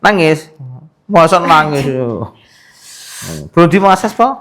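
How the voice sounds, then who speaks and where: A man's voice: high-pitched, slow, a bit bright. A man working as a sports massage therapist, chatting casually during a treatment, teasing and coaxing his patient and laughing often. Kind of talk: casual treatment-session chat.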